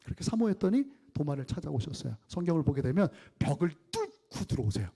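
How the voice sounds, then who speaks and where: A man's voice: on the high side, fast, vocal fry, slightly rough. A middle-aged male pastor preaching a sermon, asking the congregation questions and acting out dialogue. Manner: animated, acts out biblical dialogue, asks the congregation questions.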